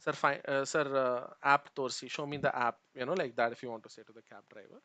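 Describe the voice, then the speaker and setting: Fast-talking male teacher. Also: mid-range voice, pushed and bright, no echo, dull audio. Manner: quick, casual explaining with many fillers. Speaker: language teacher. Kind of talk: live-streamed online class. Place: Bangalore.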